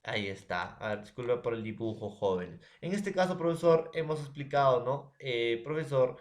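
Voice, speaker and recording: A man's voice: mid-range voice, animated, moderate pace. A man with a Peruvian Spanish accent teaching a recorded grammar lesson, often checking in with his students. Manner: addresses students as jóvenes, checks with ¿ya?.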